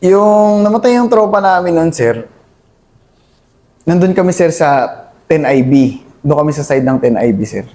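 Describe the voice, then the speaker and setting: A young man, a Filipino soldier, recounts a battle in a halting interview, calling his listener sir at nearly every pause. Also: on the high side, dark tone. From Philippines. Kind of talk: conversational war story interview.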